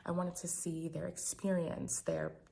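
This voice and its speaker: Quiet, creaky-voiced American woman. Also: on the low side, level tone, measured pace. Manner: quiet, hushed but clear. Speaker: physician vlogger. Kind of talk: personal video diary, casual monologue.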